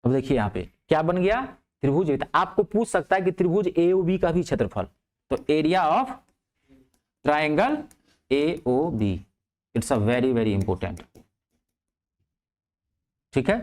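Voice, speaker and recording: A male math teacher. He explains geometry step by step, keeps asking whether things are clear, and drops his voice low to answer his own questions. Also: expressive, slow pace, pauses often. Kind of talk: lively classroom math lesson.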